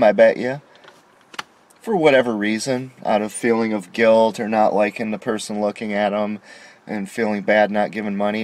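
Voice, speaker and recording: It's night, and a middle-aged vlogger in a parked car rants to the dashboard camera facing him, indignant and hammering at his complaints. His voice runs a little low and somewhat mellow.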